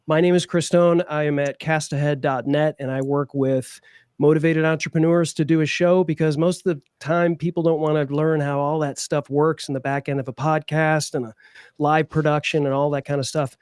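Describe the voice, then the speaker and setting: A man's voice: a little high, fairly even intonation, moderate pace, a little mellow, clean tone, dry recording, studio quality. A man chatting casually as a guest on a live panel show. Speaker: panel guest, podcast producer.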